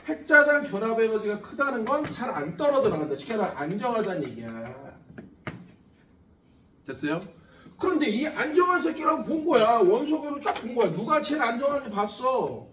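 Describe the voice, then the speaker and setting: In an echoey room captured by a distant mic, with noisy background, a cram-school science lecturer speaks a little fast in a very high-pitched, very animated voice. He's blunt and profane, cracking jokes and firing questions at the class.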